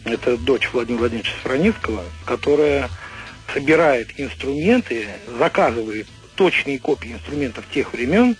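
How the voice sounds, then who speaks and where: A male guest talks on a radio show by telephone in a discursive, explanatory, conversational style. His pitch is average, and faint music runs behind his voice. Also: expressive, fairly quick.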